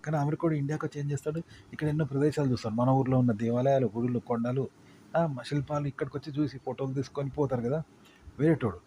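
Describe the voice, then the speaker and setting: A man speaks, teaching in a loose, repetitive way full of fillers. He talks quickly at a mid pitch. Faint room ambience sits underneath. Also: warm tone, slight background noise. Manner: rambling, repetitive explaining with fillers. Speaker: content creation teacher. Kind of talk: casual spoken lesson.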